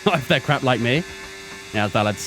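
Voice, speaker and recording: Against a noisy background, a gaming streamer in his twenties speaks at medium pitch, animated yet a little slow. He offers chatty live commentary while racing and talks to his chat.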